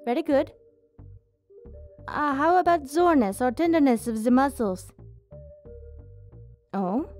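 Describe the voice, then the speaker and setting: A woman's voice: high-pitched, darkish tone. A woman playing a doting witch healer in an ASMR roleplay, speaking soothingly and carefully in formal medical phrases. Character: witch healer, doting, clinical, gently possessive of her little monsters. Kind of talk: ASMR roleplay, soft scripted character acting. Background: music.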